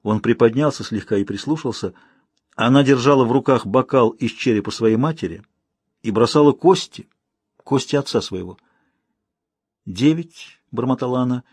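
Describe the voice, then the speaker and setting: A male audiobook narrator with a husky voice and a measured, steady delivery. The recording is dry and close, with no room sound. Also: mid-range voice, no echo. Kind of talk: scripted narration.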